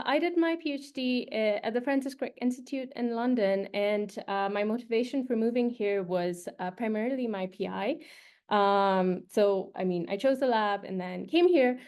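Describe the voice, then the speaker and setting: A young Nepali woman who works as a postdoctoral researcher gives an informal talk to prospective postdocs, full of fillers and restarts. Her voice sits fairly high with a darkish tone.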